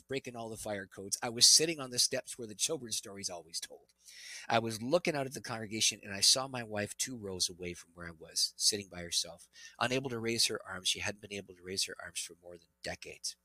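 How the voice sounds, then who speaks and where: A middle-aged man, a pastor and interview guest, telling an earnest, animated testimony. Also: on the low side, dry recording, poor audio. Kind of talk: interview storytelling.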